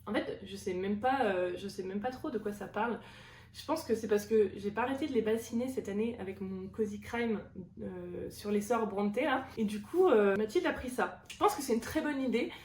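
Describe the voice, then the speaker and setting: A woman's voice: medium pitch, moderate pace, a little mellow, echoey room, slight background noise. A woman chatting casually about books she received, enthusiastic, with lots of fillers and repeated words. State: recovering from bronchitis. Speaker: book vlogger. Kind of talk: casual book haul chat.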